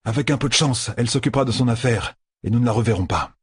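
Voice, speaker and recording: A blunt, wary young man, as a male narrator voices him in an audiobook. He talks gruffly and to the point, a little higher than the narrator's own voice. The voice sounds husky and dry. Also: quick pace, no room sound. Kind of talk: audiobook character voice.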